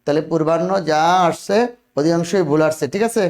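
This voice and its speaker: A man with a high voice teaches spelling in an echoey room. He repeats each word over and over and presses his students for quick answers. His talk is brisk and coaxing, a classroom drill. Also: steady tone, darkish tone. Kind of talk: online spelling lesson.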